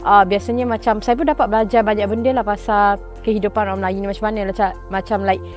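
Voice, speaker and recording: A young woman answers interview questions outdoors in a garden, speaking into a clip-on mic. Her pitch sits in an ordinary middle range, and she talks in a relaxed, chatty way. She often pauses on "uh" and mixes in English words. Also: highs cut off, soft background music. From Kuala Terengganu, Malaysia. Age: young adult. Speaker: interviewee, university student.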